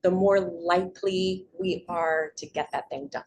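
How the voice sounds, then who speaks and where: A woman's voice: on the low side, steady tone, unhurried, darkish tone, a little hiss or hum, low-quality recording. A middle-aged woman giving an informal community presentation on public speaking, chatty and upbeat, often checking in with her listeners. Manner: chatty, upbeat, frequent "right?" check-ins.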